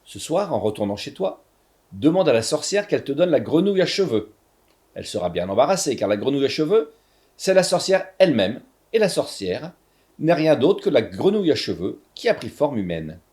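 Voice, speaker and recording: A wise shopkeeper from a storybook explains things slowly in a low, patient voice, as a male reader plays him. His pitch stays lively and varied. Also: natural voice. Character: calm, wise grown man, a shopkeeper. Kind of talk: storybook reading.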